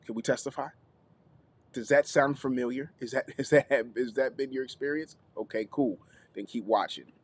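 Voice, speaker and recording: A man hosting a live teaching stream on content creation, lively, repeating himself and checking in with viewers. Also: mid-range voice, moderate pace. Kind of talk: YouTube live teaching session.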